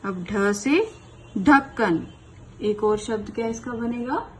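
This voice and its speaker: A woman teaching a primary school class, speaking slowly and patiently, often repeating words for young children. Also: fairly high pitch, animated, a little mellow, a little hiss or hum. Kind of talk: online class lesson.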